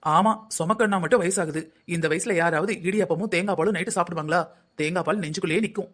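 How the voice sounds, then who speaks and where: A voice doing a scolding older husband, fast. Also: medium pitch, a bit bright, lightly acted. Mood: grumbling. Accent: South Tamil Nadu. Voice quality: scolding, nagging. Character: grumbling older husband and father. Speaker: voice actor in a family cartoon. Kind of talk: cartoon family comedy acting.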